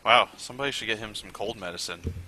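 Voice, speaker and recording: A man's voice: lowish voice, fast talker, bright, forceful tone. A man co-hosting a casual podcast chat, joking and exaggerated. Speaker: podcast co-host.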